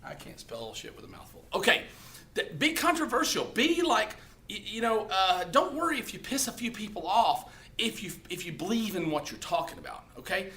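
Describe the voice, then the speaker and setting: A man with a high, sing-song voice speaks at a moderate pace, his tone pushed and bright. Talking casually to the camera on social media, he hands out blunt, profane advice and keeps tagging his points with "okay?"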